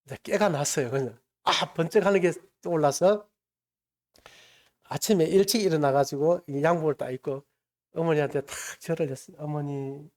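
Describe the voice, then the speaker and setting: A man's voice: fairly high pitch, fairly quick, a little mellow. A man preaching a sermon in a church, telling a story and acting out its characters. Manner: storytelling, acts out quoted voices. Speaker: pastor. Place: church sanctuary.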